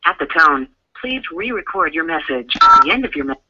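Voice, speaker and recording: A recorded voicemail system announcement heard through a dull, muffled phone line. The voice reads its prompts in a measured way and swings widely in pitch from phrase to phrase. Loud hiss and noise sit under it. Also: sing-song. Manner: measured, evenly spaced digits. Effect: automated voicemail system prompt over the phone.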